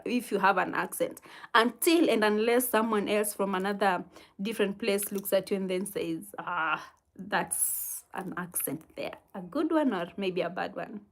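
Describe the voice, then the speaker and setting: Speaking at a medium pitch, a Kenyan-accented woman runs a casual livestream. Between soft laughs, she works through comments from viewers and answers with calm, gentle advice.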